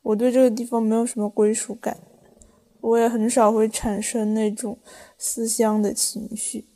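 A young woman co-hosting a podcast, answering in a measured, agreeable way during a casual chat. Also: a little high, level tone, warm tone. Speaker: podcast co-host.

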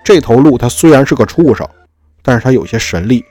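A man's voice: medium pitch, expressive, fairly quick, dark tone, soft background music, lightly acted. A man doing a fawning greedy schemer.

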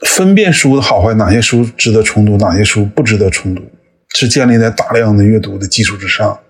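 Pitched fairly low and husky, this voice belongs to a fifties-aged podcast guest from northeast China. He speaks thoughtfully in a conversational interview, with frequent hesitations.

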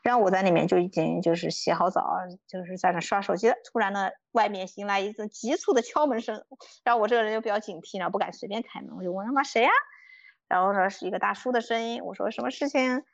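A young woman guest on a podcast, telling stories in an animated, casual way, swearing freely and acting out quotes. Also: medium pitch, fast, vocal fry, dry recording. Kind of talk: casual storytelling chat. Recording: dull lo-fi dry sound.

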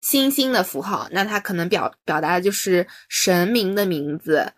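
A woman's voice: fairly low pitch, expressive, moderate pace. Woman co-host, casual chat, searching for words as she goes. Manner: thinking aloud, hesitant, many fillers and restarts. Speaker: podcast co-host. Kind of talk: casual book-club chat.

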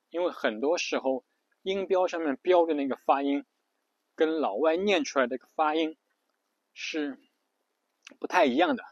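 A fairly high-pitched man teaches English pronunciation in a relaxed spoken lesson, repeating himself a lot and spelling letters out amid many fillers and restarts. There's no room sound, and the highs are cut off.

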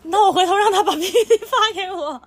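A young woman co-hosting a podcast, chatting casually and telling an animated story, acting out what people said. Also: extremely high pitch, fast talker. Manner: animated storytelling, acts out quoted exclamations. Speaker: podcast co-host. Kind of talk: casual chat.

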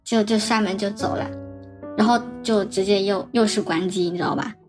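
A young woman telling her own story on a podcast, halting and often repeating words as she recounts past conversations. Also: mid-range voice, fairly even intonation, music in the background. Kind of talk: personal storytelling.

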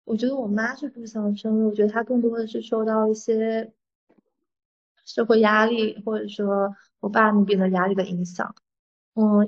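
A young woman from southern Fujian with a Taiwanese-sounding southern Min accent in her Mandarin, telling personal stories in a reflective, hesitant, conversational way. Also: a little high. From southern Fujian (Minnan), China. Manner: hesitant, reflective, mixes in English words. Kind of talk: personal storytelling in casual conversation. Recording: slightly muffled, band-limited audio.

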